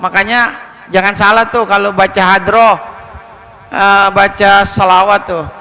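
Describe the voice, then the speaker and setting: Male preacher, very high bright voice, slow deliberate delivery, joking with the congregation, echoing hall. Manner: lively, joking with the congregation, asks them questions. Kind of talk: humorous Islamic sermon.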